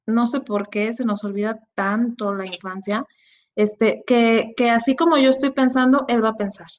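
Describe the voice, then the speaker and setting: Lively Mexican woman telling stories. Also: fairly high pitch, moderate pace. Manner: animated storyteller. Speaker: podcast co-host. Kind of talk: casual panel chat.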